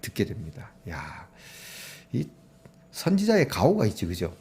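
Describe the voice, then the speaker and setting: A middle-aged man preaching a sermon in a conversational way, sometimes acting out prayers in a hushed voice. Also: fairly low pitch, huge pitch swings, unhurried. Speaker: pastor.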